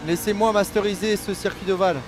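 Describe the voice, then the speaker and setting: A man's voice: high-pitched, flat delivery, quick pace, noisy background. A man streaming a racing game live, chatting casually and reading viewer messages aloud in loose slang. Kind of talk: casual live-stream chat while gaming.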